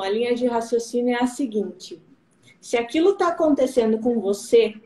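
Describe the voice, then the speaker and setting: A woman's voice: on the high side, darkish tone. A woman guest in a casual live-stream conversation, talking in an earnest, encouraging way and quoting scripture. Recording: roomy live-stream audio.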